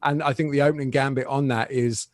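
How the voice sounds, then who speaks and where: A man's voice: mid-range voice, fairly even intonation, quick pace, no room sound. A man in his forties from England, a guitarist being interviewed in a casual podcast chat, talking in a chatty, self-deprecating way with frequent laughs. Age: 40s.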